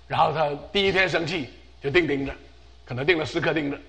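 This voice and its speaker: A man's voice: on the high side, fast talker, pushed and bright. A middle-aged man preaching a sermon as pastor, emphatic and repeating phrases for stress.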